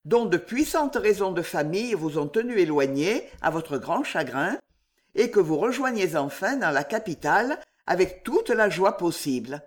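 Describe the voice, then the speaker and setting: A reader voicing a scheming, powerful male general in an audiobook, speaking in a measured, commanding way. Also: medium pitch, very animated, lightly acted. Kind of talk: audiobook reading.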